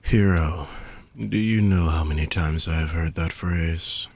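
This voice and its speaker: In a fantasy roleplay audio, a man voices a weary, ancient dark mage villain. His low-pitched delivery is slow and measured, slipping into hushed whispers, with a weary, menacing mood.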